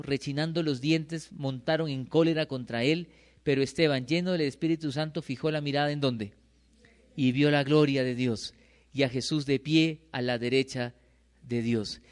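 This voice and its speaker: Middle-aged pastor, man, mid-high voice, preaching with questions to the pews. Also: long reverb tail. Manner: questions the congregation and answers himself. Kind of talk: sermon. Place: church hall.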